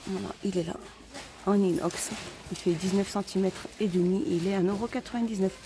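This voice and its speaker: A woman's voice: mid-range voice, fairly even intonation, a little fast, background noise. A woman speaking through a face mask, muffled, giving a casual, slightly hesitant item-by-item shopping vlog tour inside a store. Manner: informal, hesitant item-by-item commentary. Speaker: shopping vlogger.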